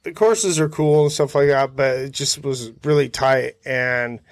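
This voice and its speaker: A man who rides motorcycle hill climbs is an interview guest, chatting casually outdoors in a backyard and telling racing stories. He talks in a laid-back, slangy, hesitant way. His voice is medium-pitched and a little slow, with no echo.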